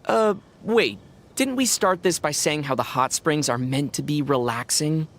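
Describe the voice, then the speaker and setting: A woman voicing a calm young woman traveler with a dry, gently teasing manner, in video game dialogue. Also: low-pitched, measured pace, noisy background. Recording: game audio with faint music.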